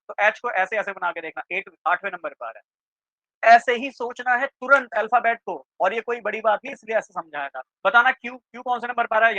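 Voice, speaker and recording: A man teaching a reasoning class for exam prep, quizzing students with quick questions and checking often that they follow. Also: high voice, bright, forceful tone, no echo. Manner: keeps checking in with students, asking "clear?". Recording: dry, slightly dull lo-fi sound.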